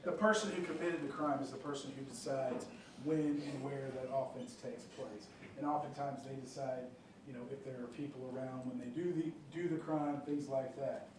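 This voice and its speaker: In a large courtroom, a prosecutor questions a jury panel, explaining trial rules conversationally with many fillers and frequent check-ins like "okay?" and "right?". His mid-range voice is steady at normal speed, picked up from far off in an echoey space with light noise and a crowd in the background.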